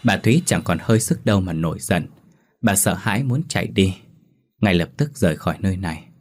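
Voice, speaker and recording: A man's voice: sits low, animated, a little fast, darkish tone, soft background music. A man narrating a scripted horror story and voicing every character himself. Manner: plays all the characters himself.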